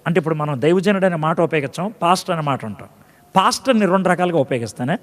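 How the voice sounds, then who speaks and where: Lively high-voiced man preaching. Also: fast talker, long reverb tail. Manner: conversational, acts out scripture dialogues, quizzes the congregation. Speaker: pastor. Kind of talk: sermon. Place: church.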